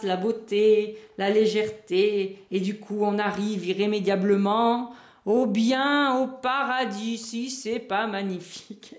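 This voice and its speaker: A woman with a somewhat high voice hosts a casual board game unboxing. She chats easily and thinks aloud as she lifts out each piece, showing it to the viewers. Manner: chatty, thinks aloud while handling items, small laughs.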